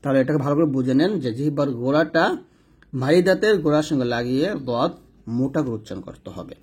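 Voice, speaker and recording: A man teaching Quran recitation step by step, slowly sounding out Arabic letters and explaining how each is pronounced while pointing at a diagram. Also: medium pitch, animated, a little mellow, husky.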